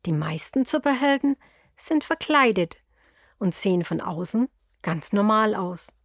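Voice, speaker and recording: A woman voicing a loving, patient old grandfather in a storybook, speaking in a gentle, reassuring way. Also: mid-range voice, lively intonation, a little slow, no room sound, clean studio sound. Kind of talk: storybook character voice.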